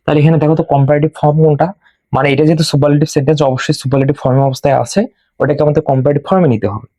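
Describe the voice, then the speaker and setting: Male grammar tutor, patient rule-drilling delivery, warm low timbre, dead dry room. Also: level tone, no room sound. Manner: slow and drilling, repeats rules for students to memorize. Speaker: English grammar teacher. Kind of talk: classroom lesson.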